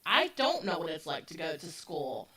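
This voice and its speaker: Crowd noise surrounds this woman in her forties as she co-hosts a casual true-crime podcast, speaking loosely with frequent fillers. Her voice is low with wildly swooping pitch at a normal speed, and it comes across a bit distant from the microphone.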